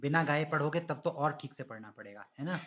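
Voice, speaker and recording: A man teaching Sanskrit pronunciation in an online class, patiently correcting students and demonstrating recitation slowly. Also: on the high side, expressive, fairly bright tone, highs cut off.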